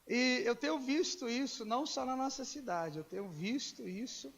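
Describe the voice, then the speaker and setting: A Brazilian pastor preaches in a church hall with a long, ringing reverb. His voice sits high for a man. He tells stories and acts out the dialogue, moving between hushed asides and emphatic declarations. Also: moderate pace, creaky, dull audio. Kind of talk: sermon. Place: church sanctuary.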